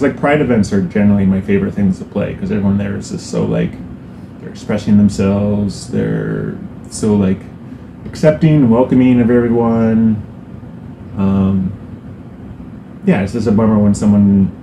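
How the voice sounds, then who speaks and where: A man's voice: lowish voice, gravelly, background noise. Sarcastic man rambling in an echoey room. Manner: dry, self-mocking sarcastic humor; loose and rambling, many fillers. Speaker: musician giving a band update. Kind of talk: casual vlog update. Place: indoors on a hot day. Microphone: no lapel mic, camera mic.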